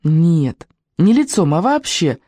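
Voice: medium pitch, very animated, slow pace, mellow, no room sound, clean studio sound. A reader voicing Natasha, an earnest, enthusiastic young girl in an audiobook who loves books and drawing. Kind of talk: audiobook character reading.

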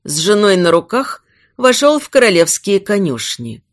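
A woman's voice: mid-range voice, moderate pace. A woman narrating a novel expressively in scripted narration. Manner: expressive, acts out character voices. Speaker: audiobook narrator.

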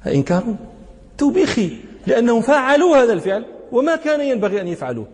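A man, a sheikh, giving a classical religious lesson. He explains through rhetorical questions and short checks on his listeners, and drops lower and slower when quoting verses and poetry. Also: big pitch swings, a little mellow, slightly rough. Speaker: sheikh teaching hadith commentary. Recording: long hall reverb.

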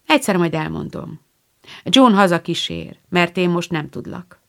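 Brief: woman doing a well-mannered boy, gentle storybook read. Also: fairly low pitch, lively intonation, gravelly. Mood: courteous. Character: polite, frail teenage boy neighbour.

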